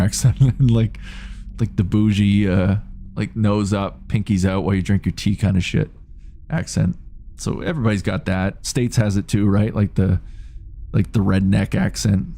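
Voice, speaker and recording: A man's voice: fairly low pitch, warm tone. A Canadian man from Ontario chatting casually on a live gaming stream, rambling and reading viewer comments aloud. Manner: rambling, self-interrupting, reads chat aloud.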